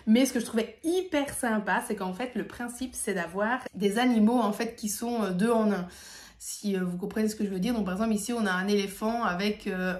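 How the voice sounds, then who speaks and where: Woman, speech therapist, casual chatty delivery with fillers; mid pitch, roomy echo. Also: darkish tone. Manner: chatty, many fillers, laughs easily. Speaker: speech therapist presenting her materials. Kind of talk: casual video presentation. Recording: echoey room.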